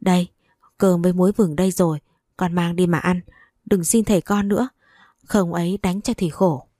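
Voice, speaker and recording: A woman's voice: lowish voice, steady tone, moderate pace, mellow, no echo, studio quality, natural voice. A woman reading a tender, worried older rural mother in a storybook tale, talking hurriedly and pleadingly. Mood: urgent.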